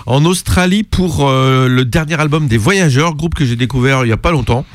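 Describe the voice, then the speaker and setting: Relaxed male radio host, dry sound. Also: mid-range voice, moderate pace, no echo. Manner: relaxed, many hesitations. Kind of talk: casual radio chat.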